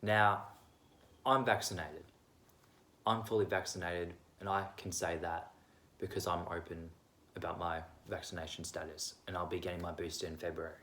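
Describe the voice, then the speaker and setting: Rambling young man, low-pitched. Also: level tone, moderate pace, a bit bright. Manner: rambling, self-deprecating, candid. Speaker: vlogger. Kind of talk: casual opinion monologue.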